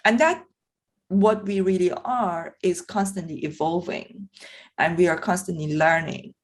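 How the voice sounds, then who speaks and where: A woman's voice: on the low side, unhurried. A woman, a podcast host talking earnestly and personally, thinking aloud with frequent fillers. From Iran. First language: Persian. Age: 40s. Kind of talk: reflective conversation.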